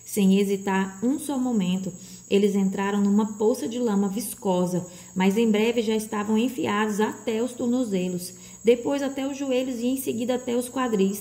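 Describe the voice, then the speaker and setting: A woman narrating a children's storybook in a steady, expressive reading voice. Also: mid-range voice. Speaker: audiobook reader.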